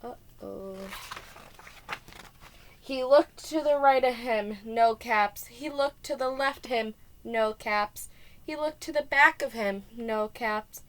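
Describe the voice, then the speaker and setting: With a slightly high voice, a woman who teaches preschool reads a storybook to children, dropping in asides. She is expressive and measured, punching the key words.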